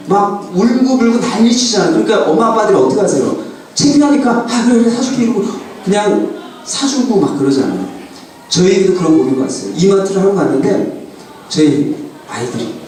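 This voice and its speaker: A pastor lecturing a church class in an animated way, often quizzing his listeners with questions. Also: high voice, a little hiss or hum. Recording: roomy hall from a distant mic.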